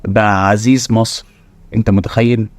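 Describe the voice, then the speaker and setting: A man's voice: fairly low pitch, level tone, normal speed. A man with an Egyptian Arabic accent hosting a motivational channel, talking bluntly and preachily to the viewer and firing rhetorical questions.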